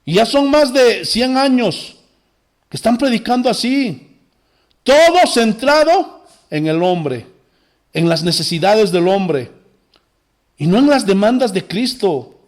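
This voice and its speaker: Impassioned high-voiced male pastor preaching. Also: animated, slow pace, long pauses. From Bolivia. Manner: impassioned preaching, rising to exclamations and dropping low. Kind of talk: sermon.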